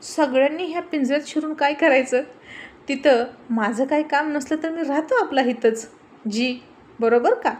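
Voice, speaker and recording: A woman's voice: high voice, normal speed, voice pushed up, close to an everyday voice. A woman voicing a timid village man frightened by a lift, pleading and panicky. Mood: nervous. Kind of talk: storybook reading with character voices.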